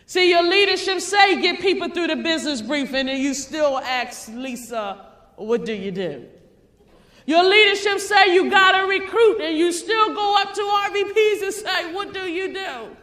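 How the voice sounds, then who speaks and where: A woman from Maryland giving a fervent motivational stage speech, preachy and rising to shouts. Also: extremely high pitch, normal speed. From Maryland, USA. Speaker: motivational speaker. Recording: hall reverb.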